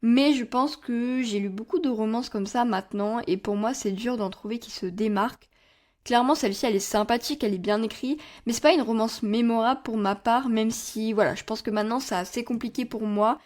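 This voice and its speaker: A woman's voice: on the high side, a little fast, a little mellow. Chatty young French woman reviewing books. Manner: chatty and candid, with playful asides. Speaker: book vlogger. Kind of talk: casual book review monologue.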